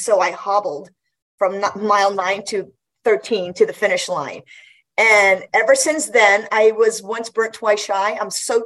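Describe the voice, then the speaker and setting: A woman in her fifties from Guam, a guest athlete, chats casually in an interview, laughing often and restarting her sentences. Her voice is medium-pitched and a bit bright, and the audio quality is poor.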